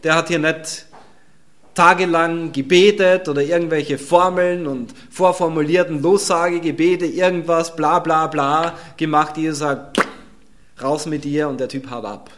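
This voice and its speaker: Emphatic, slightly high-voiced male preacher. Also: steady tone, normal speed, fairly bright tone. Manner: emphatic and conversational, chuckles between points. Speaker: pastor. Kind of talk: sermon.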